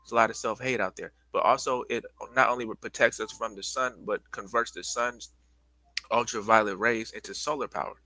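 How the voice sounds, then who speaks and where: A man hosting a casual livestream lecture, talking loosely to his viewers with lots of restarts and pausing to catch his breath. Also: medium pitch, fairly even intonation, pushed and bright, dry recording, rough recording. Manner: loose, repetitive, addresses viewers as y'all. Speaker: livestream host giving a presentation.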